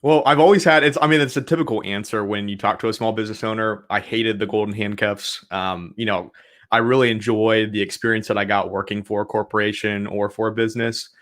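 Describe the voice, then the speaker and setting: A man's voice: fairly low pitch, fairly even intonation, a little fast, a bit bright. A man from Oklahoma, a guest on an interview show, answering in an easygoing way and laughing along. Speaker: guest, marketing consultant.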